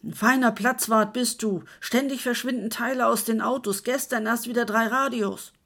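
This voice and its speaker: A woman voicing a stern, exasperated rotund old man who speaks up loudly, in a storybook reading. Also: fairly high pitch, steady tone, moderate pace, voice pushed up. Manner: scolding, raised voice over noise.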